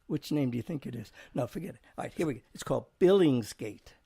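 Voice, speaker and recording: A man's voice: mid-range voice, animated, creaky, dark tone, slightly rough. A man hosting a casual chat, playfully reading out word definitions and example sentences. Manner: playful, chuckling, reads aloud slowly at times. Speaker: host.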